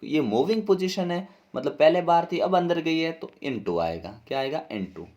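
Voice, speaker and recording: A man's voice: on the high side, expressive, normal speed, a little mellow, lo-fi sound. A man teaching a class lesson as he walks through an exam paper, explaining each answer step by step and spelling words out letter by letter, with a Hindi accent. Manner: explains step by step, keeps asking "ठीक है ना".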